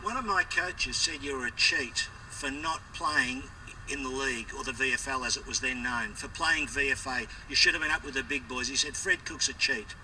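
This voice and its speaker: A man's voice: normal speed, hardly any pauses, sharp tone. A man with an Australian accent asking direct, pointed questions as an interviewer. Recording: distant mic, clear background noise, vehicle rumble.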